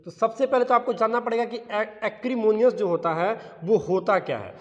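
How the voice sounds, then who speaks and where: A man's voice: high voice, normal speed, big-room sound, dull audio. A man teaching vocabulary for a competitive exam in an explanatory classroom style on the terms, repeating key words back as questions. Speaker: English teacher for exam prep.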